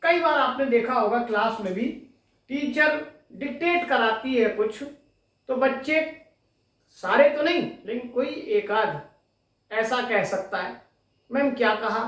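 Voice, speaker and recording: A woman's voice: fairly high pitch, animated, a little slow, pauses often. A woman teacher giving an exam-prep lecture who asks her students questions and then answers them herself. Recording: very echoey room, distant mic.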